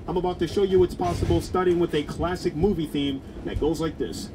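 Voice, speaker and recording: A man performing for passengers in a moving subway car, pitching his act like a showman. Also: fairly even intonation, a little fast. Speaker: street beatbox performer. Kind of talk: busking show patter. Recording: loud subway train noise.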